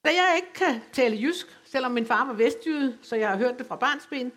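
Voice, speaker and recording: A woman from West Funen giving an academic lecture, speaking in a measured, explanatory way with occasional hesitations. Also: high voice, expressive, a bit bright. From West Funen, Denmark. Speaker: lecturer on dialect literature. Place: folk high school lecture venue.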